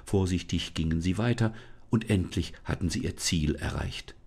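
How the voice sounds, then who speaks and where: A man reads a children's storybook aloud in a calm, measured manner. His voice is on the lower side, and he pauses now and then for small asides. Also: gravelly, husky. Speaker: volunteer children's book reader.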